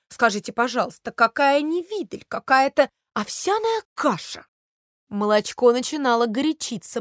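A woman narrating a children's fairy tale in an expressive, measured reading. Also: fairly high pitch, no echo, studio quality. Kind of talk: storybook narration.

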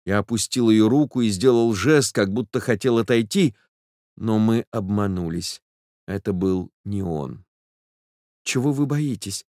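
A man's voice: fairly low pitch, unhurried, darkish tone, dry recording, studio quality. A man narrating a literary audiobook in the first person, in a reflective, emotional way.

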